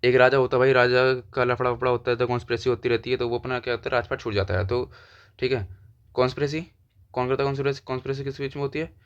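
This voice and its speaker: A man's voice: medium pitch, steady tone, rapid-fire, clean tone. Young man repeating keywords, lo-fi sound. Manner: thinks aloud, repeats keywords over and over. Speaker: exam coaching teacher. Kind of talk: casual exam-prep lesson. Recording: dull lo-fi sound.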